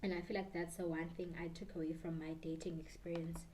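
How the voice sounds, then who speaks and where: Tipsy, mellow young South African woman. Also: fairly low pitch, little pitch movement, a little fast, a little hiss or hum. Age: 20s. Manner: rambling, code-switches between English and Zulu. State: slightly tipsy. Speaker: beauty YouTuber. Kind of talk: casual chat while doing makeup. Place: small bedroom indoors.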